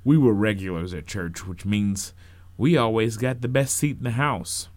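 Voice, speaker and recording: A man narrating a first-person story in an unhurried, expressive storytelling manner. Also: on the low side, dry recording.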